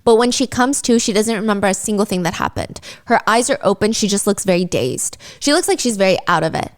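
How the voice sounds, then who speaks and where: A woman's voice: medium pitch, a little fast. Chatty woman telling a true-crime story. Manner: lively, acts out quotes in character. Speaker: podcast host.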